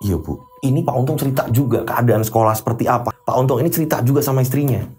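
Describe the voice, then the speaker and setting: A male storyteller retells a horror tale in loose, chatty narration at a mid-range pitch. Faint music runs underneath. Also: racing, darkish tone.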